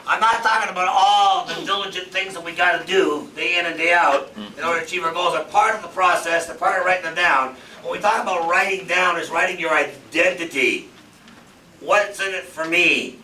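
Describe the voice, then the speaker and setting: A man's voice: high voice, steady tone, a little fast, bright, forceful tone. A man in his fifties giving a motivational seminar talk, emphatic and repetitive, full of rhetorical questions. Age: 50s. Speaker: seminar speaker. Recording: roomy, from far off, faint background noise.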